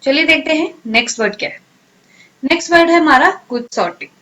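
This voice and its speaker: A woman teaching English vocabulary in a drill lesson, asking each question and then answering it, and sounding words out slowly syllable by syllable. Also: sits high, lively intonation, sharp tone, poor audio. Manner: repeats questions and answers, slow drilled pronunciation.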